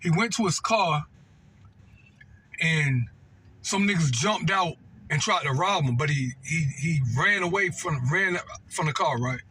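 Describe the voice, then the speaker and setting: An American storytelling vlogger tells a personal story casually off the cuff, slangy and repetitive, often asking "right?" and "know what I mean" to check that the listener follows. His fairly high voice has lively intonation and a bright, forceful tone, runs a little slow, and carries a little hiss or hum.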